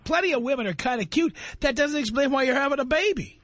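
A man's voice: extremely high pitch, expressive, fast talker, fairly bright tone, dry recording. A man hosting a call-in radio show, blunt and lecturing, cutting in on callers. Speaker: radio talk show host.

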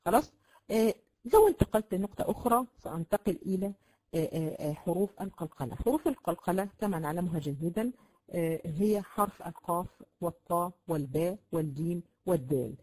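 A woman with an Egyptian Arabic accent teaching a class on Quran recitation, patiently explaining, repeating sounds to demonstrate and filling pauses with drawn-out sounds. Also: fairly low pitch, animated, darkish tone, low-quality recording. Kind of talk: classroom lesson.

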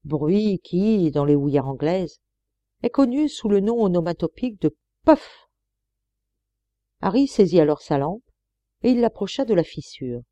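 A woman reading a classic novel aloud as an audiobook, in steady, measured storytelling. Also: fairly low pitch, no echo, muffled recording. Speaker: audiobook reader. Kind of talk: scripted audiobook narration.

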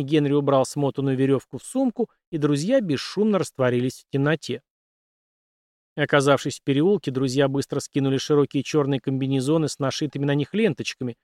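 A man narrating an audiobook in a steady, measured way. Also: medium pitch, no echo, studio quality.

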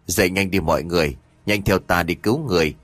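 A stern old master of spells, his voice pushed low and grave, giving orders in a ghost story, as a male narrator puts him on. He sounds measured and commanding, with a dry close sound. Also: a bit bright, no room sound.

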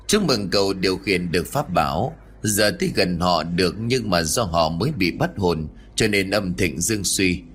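A man voicing a calm older male monk master who speaks in a measured, instructive way, in an audiobook ghost story. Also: low-pitched, slight background noise. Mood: steady.

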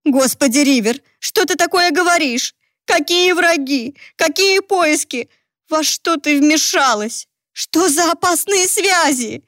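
A woman reading as a worried middle-aged mother, anxious and sighing, loving yet disapproving. The voice sits a little high and close to the ear, with no room sound. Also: lively intonation, moderate pace, no echo, lightly acted. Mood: alarmed.

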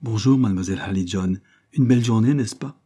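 A man's voice: fairly low pitch, brisk, dark tone, breathy edge. A man reading an audiobook, voicing a nosy, chatty policeman. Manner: curious and chatty.

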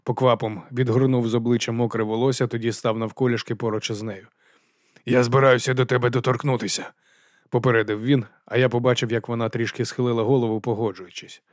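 A man narrates a first-person fantasy audiobook in a measured, quiet manner. His voice sits at a medium pitch, recorded close and dry. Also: level tone, no echo.

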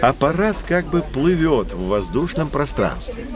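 Over music, a man with a fairly high, widely swinging voice plays a patient, knowledgeable guide who teaches children in an educational audio drama. He speaks a little slowly, with an emphatic, didactic, enthusiastic and explanatory delivery.

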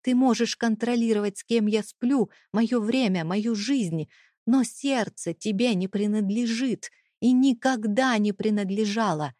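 A woman's voice: a little high, animated, measured pace, breathy edge, no room sound, clean studio sound, pitched above the performer's own voice. A woman playing a furious, defiant wife. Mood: shouting. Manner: raised, shouting accusations.

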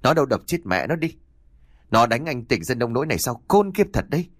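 A man voicing a hot-headed young village man who swears and shouts angrily in a horror audiobook. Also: mid-range voice, sing-song, a little fast, no room sound, studio quality, pitched above the performer's own voice. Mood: angry.

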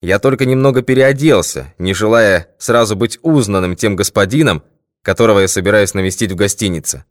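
A male audiobook reader voicing a calm, confident middle-aged detective in a composed, measured tone. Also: lowish voice, no echo, studio quality, natural voice. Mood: amiable. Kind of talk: audiobook character voice.

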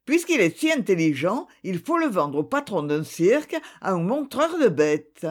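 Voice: mid-range voice, big pitch swings, moderate pace. A storyteller voicing a practical, matter-of-fact farmer's wife speaking to her daughter. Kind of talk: storybook reading.

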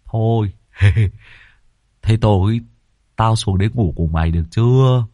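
A man voicing a mischievous young male servant who teases loudly and excitably. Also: fairly low pitch, measured pace, no echo, dull audio, natural voice. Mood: mocking. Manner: loud, mocking, excitable.

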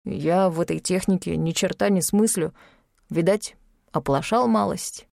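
A cheeky rogue of a man, put on by a woman reading an audiobook, talks in folksy slang and wheedles, lowered a touch below her usual pitch. He sounds sorry for himself and slippery in the same breath. The recording is close and dry. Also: a little slow, gravelly, a little mellow, dry recording. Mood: wheedling. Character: cheeky, fibbing man, a folksy secret agent. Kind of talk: audiobook character voice.

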